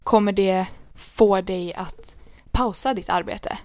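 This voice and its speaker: A young woman co-hosting a casual chat podcast, playful and teasing, jumping in with quick questions. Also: medium pitch, steady tone, a little mellow, no room sound. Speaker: podcast co-host.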